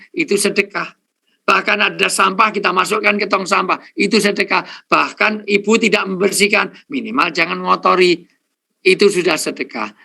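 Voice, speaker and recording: A middle-aged male preacher delivers a humorous sermon on a microphone, speaking straight to his listeners and ticking off his points one by one. His voice is a touch high and bright with a gravelly edge. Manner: jokey, addresses the audience directly, counts off points. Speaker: Islamic preacher. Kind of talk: humorous sermon to a live audience.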